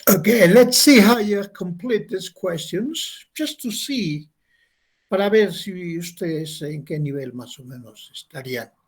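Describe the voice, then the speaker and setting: A man's voice: high-pitched, animated, takes it slowly, slightly rough. A man teaching an English class, patiently explaining and modeling questions.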